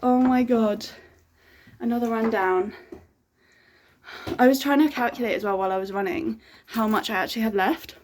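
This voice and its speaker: Young female vlogger, higher voice, excitable informal chat over noticeable background noise. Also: normal speed, long pauses. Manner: excitable and informal, frequent "like" and "oh my God". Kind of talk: casual chatty vlog.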